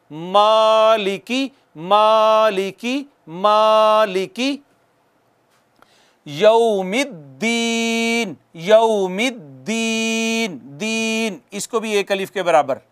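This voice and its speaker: Slow, clear-voiced male recitation teacher. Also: sits high. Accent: Pakistani Urdu. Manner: slow, drawn-out chanted recitation of demonstration words; patient, corrective teaching, repeating examples. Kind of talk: recitation lesson with call-and-repeat.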